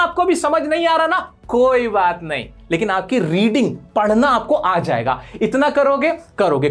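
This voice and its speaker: A man teaching a spoken language lesson, asking the viewer questions and answering them himself in an encouraging tone. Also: high voice. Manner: encouraging, direct address to learners. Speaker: English teacher.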